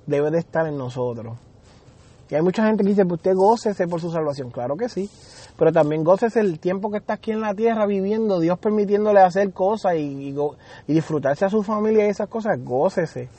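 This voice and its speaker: A man's voice: high voice, a little mellow. A man giving an informal sermon, earnest and repetitive, calling the listener "beloved". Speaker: preacher.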